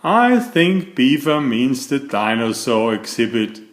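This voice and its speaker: A man voicing a kindly adult owl schoolteacher in a storybook, reassuring and gently brisk. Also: medium pitch, big pitch swings. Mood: encouraging.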